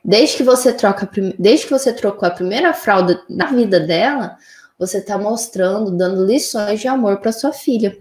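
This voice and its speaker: Woman, mother, calm explanatory talk, echoey room. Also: mid-range voice, normal speed. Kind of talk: casual conversation.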